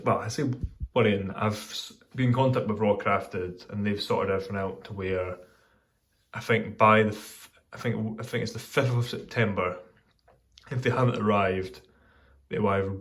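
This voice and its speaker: A man giving a casual, rambling vlog update as a hobbyist, hesitant and often correcting himself mid-sentence. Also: on the low side.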